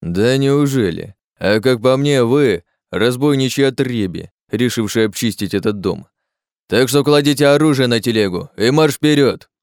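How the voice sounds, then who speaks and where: A man's voice: mid-range voice, expressive, brisk, clear, resonant tone, dry recording, voice pushed up, lightly acted. Man playing a hostile town guard, barking threats, tight dry recording. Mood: menacing. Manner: loud and threatening. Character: gruff male city guard sergeant, hostile.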